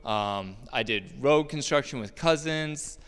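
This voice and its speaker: Man with a smooth voice in a reverberant hall. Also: mid-range voice, animated, a little slow, fairly bright tone. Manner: casual, joking, many fillers and laughs. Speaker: roofer telling a personal story. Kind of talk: personal storytelling talk on stage.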